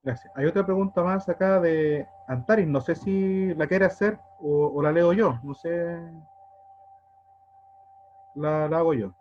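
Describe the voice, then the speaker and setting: A man's voice: a little high, a little slow, lo-fi sound, soft background music. A man moderating an online talk, hesitantly reading out questions from the chat. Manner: hesitant, repeats words.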